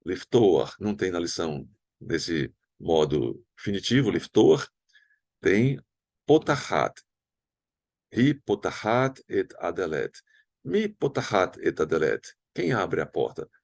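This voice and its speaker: A man with a very low voice and a Brazilian Portuguese accent teaches a recorded language lesson. He explains patiently and sounds out words slowly, again and again. The sound is dry and close, with no room around it. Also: big pitch swings, vocal fry, darkish tone, no echo. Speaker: Hebrew teacher.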